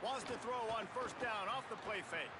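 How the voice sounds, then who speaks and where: A man voicing a football play-by-play announcer in a video game, calling each play in short, crisp bursts. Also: high-pitched, moderate pace, lightly acted. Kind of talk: game sports commentary. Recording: game audio over loud stadium noise.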